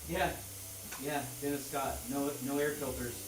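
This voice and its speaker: A man's voice: mid-range voice, steady tone, measured pace, far from the mic. A man chatting casually as a guest on a live stream. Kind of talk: casual chat. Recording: roomy, off-mic, clear background hiss.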